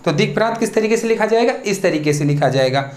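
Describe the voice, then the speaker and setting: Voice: mid-range voice, animated, fast talker. A teacher giving an exam-prep spelling lesson, who asks questions and then answers them, and spells words out syllable by syllable. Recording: echoey room.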